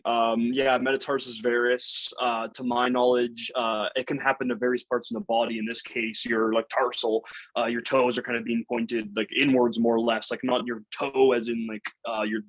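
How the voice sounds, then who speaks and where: A man's voice: mid-range voice, fairly even intonation, moderate pace, low-quality recording. A man answering questions on a community call, hesitant and often restarting his sentences. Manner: hesitant, with many restarts and "uh" fillers. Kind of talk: casual Q&A answers. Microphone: video call.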